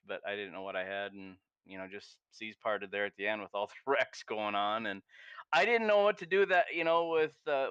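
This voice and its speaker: A man's voice: lowish voice, sharp tone, clean tone, dry recording, dull audio. A man giving a post-race interview as the runner-up, hesitant and full of "you know" and "uh.". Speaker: race driver.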